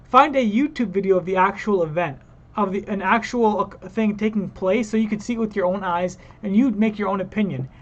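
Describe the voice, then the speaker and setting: A man's voice: high voice, brisk, lo-fi sound. A man hosting a reaction video, ranting heatedly and talking straight to his viewers. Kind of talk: casual reaction commentary.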